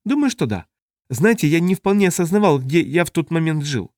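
A man's voice: on the high side, sing-song, brisk, darkish tone, no echo, studio quality, pitched above the performer's own voice. A man reading an audiobook, voicing a dazed male alien who hesitates and searches for words.

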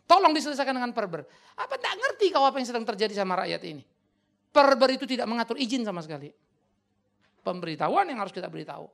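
A male pastor with an extremely high, gravelly voice preaches bluntly and emphatically in colloquial language. He takes questions from the audience and erupts in sudden loud outbursts.

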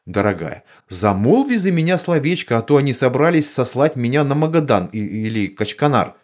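A man's voice: mid-range voice, sing-song, a little mellow, pitched above the performer's own voice, natural voice. A man reading an audiobook, voicing a strict, sarcastic middle-aged mother in a raised voice. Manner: stern, brisk and sarcastic.

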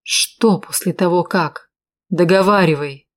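A woman's voice: lowish voice, takes it slowly. A woman reading an audiobook, voicing an irritable hard-drinking man who hisses threats through his teeth. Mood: angry, menacing.

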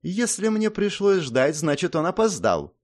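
A man's voice: high-pitched, big pitch swings, measured pace, voice pushed up. A man voicing a capricious young princess who sulks and makes dramatic outbursts. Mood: petulant.

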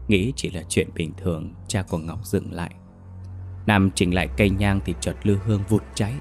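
Man, very deep voice, steady horror story narration. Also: normal speed, soft background music.

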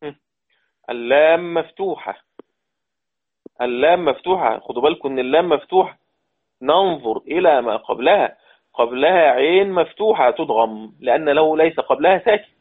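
Male Quran teacher, fairly high voice; quick explanations broken by slow recited examples, heard over a thin phone-like line. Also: expressive, slightly rough. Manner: explains rules quickly, then recites verses slowly and repeats them. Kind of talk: tajweed lesson with recited examples. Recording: tinny phone-like audio.

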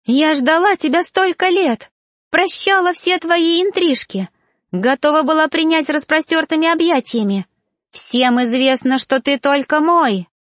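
A woman's voice: high voice, a little slow, fairly bright tone, no echo, clean studio sound, pitched above the performer's own voice. A woman voicing a jealous, hysterical young noblewoman who shrieks and squeals.

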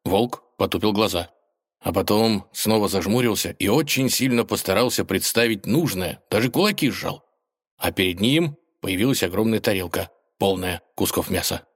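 Deep-voiced male audiobook narrator. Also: normal speed, dry recording, clean studio sound. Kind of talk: scripted narration.

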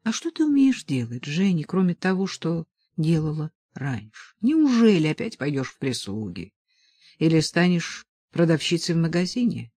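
Audiobook: narrator reading an insistent, well-off man arguing his case; lively intonation, dry close sound. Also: medium pitch, normal speed, breathy edge, no room sound. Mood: questioning. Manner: insistent, reasoning. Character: commanding wealthy man, persuasive lover. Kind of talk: audiobook dialogue.

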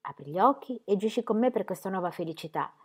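A woman's voice: medium pitch, animated, quick pace, husky. A woman voicing a tender, emotional middle-aged male pastor speaking to his wife.

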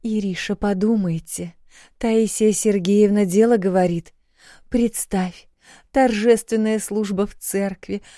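A woman's voice: mid-range voice, steady tone, a little slow, warm tone, dry recording, clean studio sound, voice pushed up, close to an everyday voice. A woman voicing an enthusiastic older mother planning a wedding in an audiobook.

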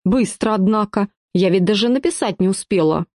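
A woman's voice: mid-range voice, moderate pace, a little mellow, no room sound, studio quality. Woman narrating an audiobook. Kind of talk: first-person audiobook narration.

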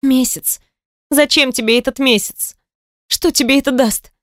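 Woman reading sarcastic, hurt young heroine, high and biting, dry recording. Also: steady tone, unhurried, fairly bright tone, no echo. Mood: defiant. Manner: bitter, sarcastic.

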